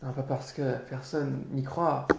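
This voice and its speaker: A man improvising a theatrical tirade in a sardonic, mock-polite way, halting and repeating his words. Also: mid-range voice, fairly even intonation. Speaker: amateur actor improvising a monologue. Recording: roomy echo, clearly noisy background, clicks.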